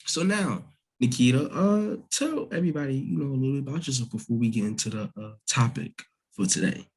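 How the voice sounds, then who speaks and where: A young man hosts a casual debate chat. His voice is husky and a little breathy, and his tone is relaxed as he keeps pushing questions and laughs easily. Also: medium pitch, brisk, poor audio. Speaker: podcast host.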